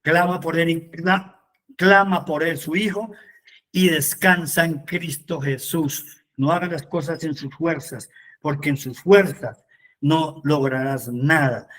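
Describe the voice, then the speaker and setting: A man leads a Bible study as its preacher. His voice sits high for a man. He moves between reading scripture aloud and fervent appeals to the people listening. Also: steady tone, slow pace, fairly bright tone.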